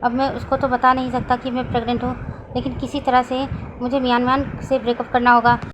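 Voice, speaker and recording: A woman voicing a sulky, outspoken pregnant young man who grumbles and snaps quickly in a storybook reading. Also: on the high side, little pitch movement, dull audio, noisy background, close to an everyday voice. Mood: worried.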